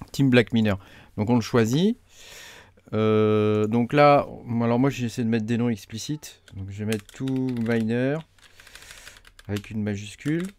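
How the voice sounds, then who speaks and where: A man talking through a software setup tutorial, hesitant with many fillers as he clicks along. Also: medium pitch, no room sound. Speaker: crypto mining tutorial host. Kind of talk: casual screen-recorded tutorial.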